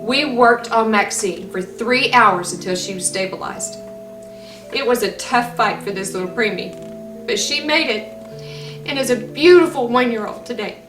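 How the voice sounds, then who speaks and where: A woman from Tanzania who volunteered as an EMT tells her story in an earnest, measured way to ask for support. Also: a little high. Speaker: volunteer EMT making a fundraising appeal. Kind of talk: personal storytelling appeal. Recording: roomy, distant mic, music behind. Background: music.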